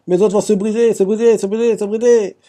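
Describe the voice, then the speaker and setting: A man's voice: high-pitched, steady tone, fairly quick, mellow, pitched above the performer's own voice, natural voice. A man voicing a panicked man who keeps repeating that his bones will break. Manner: frantic repetition.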